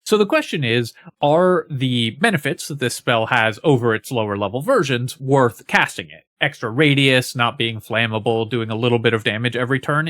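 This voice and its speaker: A man's voice: mid-range voice, fairly bright tone, dry recording, clean studio sound. A man giving a casual, analytical spoken breakdown for a game guide, talking steadily with frequent fillers.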